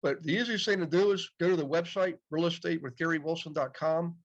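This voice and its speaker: The muffled, dull recording captures a man in his late fifties with a higher voice who talks fairly quickly. He's a podcast guest telling stories in a casual, chatty manner, with frequent "yep" answers.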